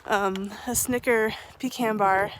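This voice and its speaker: A woman's voice: mid-range voice, steady tone, slow pace, background noise. A young woman talking to her camera while hiking outdoors, rambling and emotional, laughing now and then. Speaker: thru-hiker vlogger. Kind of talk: casual vlog monologue. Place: outdoors on a trail. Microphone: handheld camera while walking.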